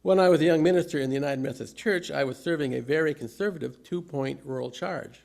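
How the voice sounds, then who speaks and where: Gravelly older man preaching with gentle humour. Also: a little high, fast talker. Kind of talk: humorous sermon with anecdotes, read from notes.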